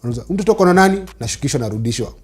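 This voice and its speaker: In an interview, a man in his forties with a Kenyan accent, Swahili being his first language, talks through his life story conversationally. His voice is medium in pitch and slightly rough, and his delivery is animated and rapid-fire.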